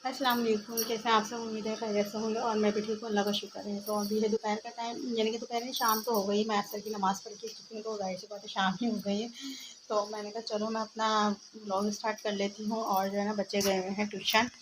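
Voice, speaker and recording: A young woman talks to her phone camera at home, rambling casually with lots of fillers. Her delivery stays even and hushed, with little rise and fall. The recording carries clear background noise from the house. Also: mid-range voice, fast. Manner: chatty, rambling with many fillers; speaks softly so as not to wake her child. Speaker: family vlogger. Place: home, indoors.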